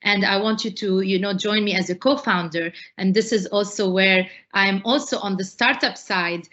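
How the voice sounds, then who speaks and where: A woman's voice: mid-range voice, steady tone, moderate pace, fairly bright tone, lo-fi sound. A middle-aged woman from Lebanon, a startup advisor, answering interview questions with enthusiasm and frequent "uh" fillers.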